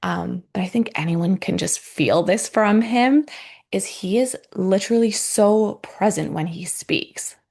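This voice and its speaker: A woman's voice: mid-range voice, measured pace, creaky, darkish tone, slightly rough. A woman in her thirties hosting a podcast, talking in a chatty, reflective way with lots of fillers. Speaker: podcast host. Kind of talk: casual solo podcast talk.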